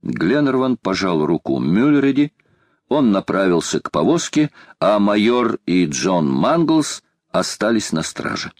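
A male audiobook narrator reading in a measured, even way. His voice is low. The recording is close and dry. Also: dry recording. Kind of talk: scripted narration.

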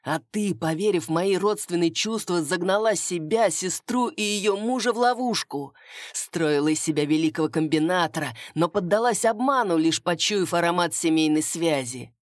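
A woman's voice: on the low side, normal speed, no echo, clean studio sound, close to an everyday voice. A woman voicing a cruel, scheming male king who gloats and mocks. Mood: gloating. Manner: mocking, gloating.

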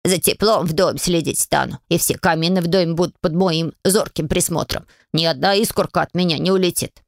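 A woman's voice: on the low side, fairly quick, gravelly, no echo, studio quality. A woman voicing a centuries-old male stove spirit who speaks humbly and earnestly.

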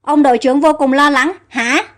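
A woman narrating an audio story with a steady reading. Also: sits high, fairly quick.

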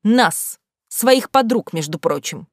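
A woman voicing an angry, hot-tempered teenage schoolgirl who shouts nervous accusations. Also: mid-range voice, expressive, slow, dry recording, clean studio sound, voice pushed up.

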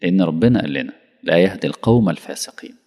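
A man's voice: low voice, expressive, rapid-fire, warm tone. A man with an Egyptian Arabic accent giving a colloquial religious lesson, full of rhetorical questions and acted-out dialogue. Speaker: preacher. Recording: long hall reverb.

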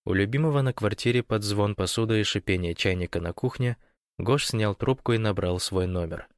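Low-voiced male audiobook narrator. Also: brisk, no room sound, studio quality. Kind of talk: scripted narration.

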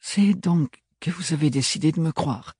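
A timid young woman, put on by a male narrator, speaks hesitantly and a little breathlessly, her voice lifted and husky. The sound is close and dry, as in an audiobook reading. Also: a little high, moderate pace, mellow, no room sound, voice pushed up. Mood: earnest. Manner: hesitant, stammering.

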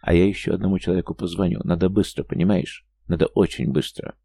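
A man reading out the lines of a terse man giving hurried orders in an audiobook. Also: low voice, steady tone, gravelly, warm tone, breathy edge, dry recording, exaggerated voice. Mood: urgent. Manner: terse, pressing.

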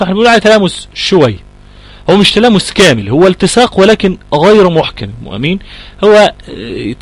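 A man with an Egyptian accent teaching Quran recitation, patiently explaining and repeating points and sounding out letters slowly as he answers student questions. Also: a little high, no room sound, low-quality recording. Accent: Egyptian Arabic.

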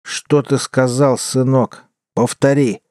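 A man voicing a menacing card-sharp gunslinger who talks slowly through his teeth. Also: medium pitch, steady tone, dry recording, clean studio sound, close to an everyday voice. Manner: slow, hissing growl.

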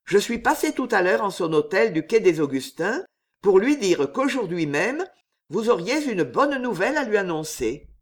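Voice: medium pitch, very animated, normal speed, lightly acted. A reader playing a smug, mockingly gallant suitor. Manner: smooth, mockingly gallant, emphatic. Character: smug, menacing male suitor, mock-courteous.

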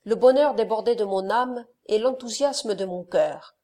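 A woman reading the part of a young wronged countess in an audiobook, with a firm, measured voice. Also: medium pitch, mellow, lightly acted. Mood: reproachful.

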